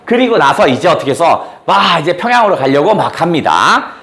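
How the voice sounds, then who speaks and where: A man teaching a classroom lesson retells a story playfully and casually, acting out the quotes and teasing his students with mild swearing. His voice is fairly high and a bit bright, brisk, with big swings in pitch.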